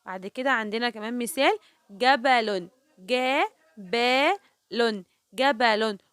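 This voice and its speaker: A woman with an Egyptian Arabic accent leads a reading lesson for children, posing questions and answering them herself. She draws example words out slowly, syllable by syllable. Her voice sits high and is expressive, with no echo.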